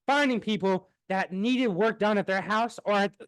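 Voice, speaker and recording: A man's voice: high voice, moderate pace, clean tone, no echo. A young man talking casually about marketing, rambling, repeating words and swearing now and then. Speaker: marketing entrepreneur. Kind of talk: casual business talk.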